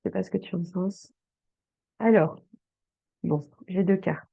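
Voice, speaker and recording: A woman reads tarot cards for her viewers at an unhurried pace, often pausing on fillers as she speaks straight to the listener. Her voice sits on the low side. The sound is dry and narrow, like a phone line. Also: vocal fry, no room sound. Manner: slow, hesitant, with many fillers, speaking directly to the viewer. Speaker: tarot card reader.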